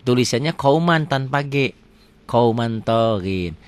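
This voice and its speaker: A man teaching Quran recitation rules. He asks questions and answers them himself, and he stretches the example words out slowly. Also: mid-range voice, expressive. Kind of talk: tajwid lesson with question and answer.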